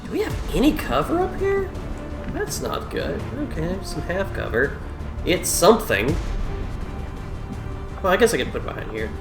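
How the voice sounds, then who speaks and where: A man's voice: sits high, huge pitch swings, normal speed, long pauses. A man doing casual gameplay commentary, muttering and thinking aloud as he plays. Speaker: gamer playing and commenting. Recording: roomy echo, game music behind. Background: video game music.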